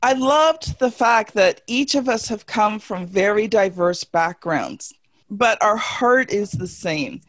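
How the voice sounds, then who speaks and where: A woman's voice: mid-range voice, animated, slow pace, fairly bright tone, no room sound. A woman in her forties talking on a video call in a casual panel chat, emphatic, folksy and self-deprecating. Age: 40s.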